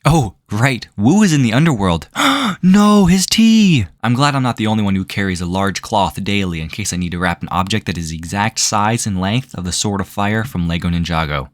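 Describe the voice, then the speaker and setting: Male commentary reviewer: slightly low voice, sarcastic and incredulous, close dry sound. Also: a little fast, hardly any pauses, no echo. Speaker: video reviewer.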